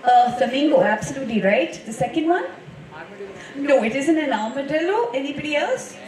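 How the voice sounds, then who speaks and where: A woman with a high voice hosts a school event, speaking politely and formally to the audience. Her voice echoes around the room and sounds picked up from a distance. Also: animated, moderate pace, a crowd in the background. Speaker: event host quizzing schoolchildren. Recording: roomy hall sound, distant microphone.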